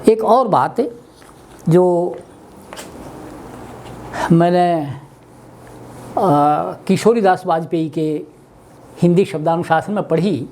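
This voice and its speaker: An older man from India giving a weekly webinar lesson on language, speaking deliberately and spelling out words. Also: sits high, mellow, slight background noise. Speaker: Hindi language teacher. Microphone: webinar computer mic.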